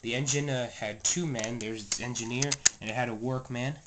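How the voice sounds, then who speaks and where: Speaking at a normal speed with fairly even intonation, this medium-pitched man gives a rambling, casual show-and-tell of his indoor train room at home. His voice is stuffy and scratchy, and his toy train vlog narration is packed with fillers, restarts, and self-corrections. He's filmed close on a handheld camera mic.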